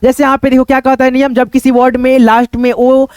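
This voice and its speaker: A man teaching English pronunciation, spelling words out letter by letter and then saying them slowly, with the same friendly filler phrases over and over. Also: extremely high pitch, little pitch movement, a little mellow, clean tone, dry recording. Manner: repetitive, keeps saying "okay friends" and "look here".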